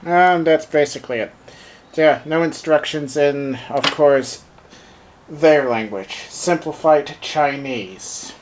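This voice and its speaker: A German gadget reviewer speaks English with a German accent as he unboxes and reviews a handheld, thinking aloud with lots of fillers. His voice is fairly high and slow-paced, with a little hiss or hum.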